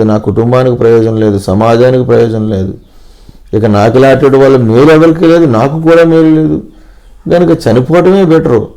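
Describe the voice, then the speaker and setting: A man's voice: mid-range voice, dark tone. A man telling his personal testimony, in an earnest, dramatic storytelling manner that quotes family members and scripture. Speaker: testimony speaker.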